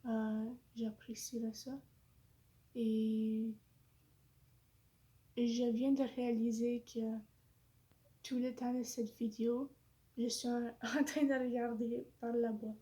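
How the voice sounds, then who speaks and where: A woman's voice: on the high side, little pitch movement, takes it slowly, pauses often, warm tone. A woman vlogging casually in French with an English-influenced accent, hesitant and full of fillers as she searches for words, apologizing for her speaking. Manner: apologetic, self-conscious. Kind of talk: casual vlog monologue.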